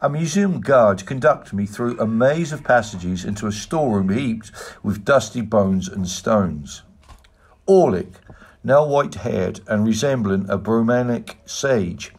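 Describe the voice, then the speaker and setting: A man reading a literary novel aloud in a measured, even manner. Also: on the low side, husky. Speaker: audiobook reader. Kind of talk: scripted narration.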